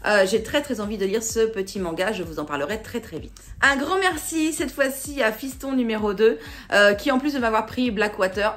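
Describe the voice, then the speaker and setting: A middle-aged woman from France, chatting casually and animatedly about books she bought, with many fillers. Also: fairly high pitch. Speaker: author and book vlogger. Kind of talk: casual book haul chat.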